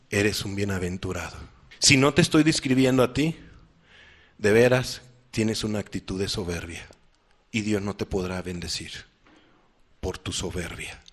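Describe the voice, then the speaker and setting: A man's voice: medium pitch, a bit bright. A man preaching a sermon, emphatic and repeating his key phrases as he addresses the listeners directly.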